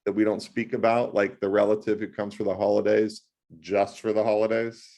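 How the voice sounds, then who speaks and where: Brisk and loud, with vocal fry in his fairly low voice, a man gives an animated one-on-one math lesson over video call and keeps slipping in jokes.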